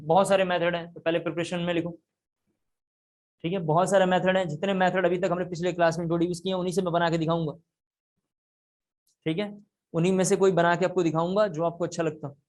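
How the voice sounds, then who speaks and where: High-voiced man teaching chemistry. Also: flat delivery, quick pace, pauses often. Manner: explains step by step, repeats key points. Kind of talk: classroom lecture. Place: classroom.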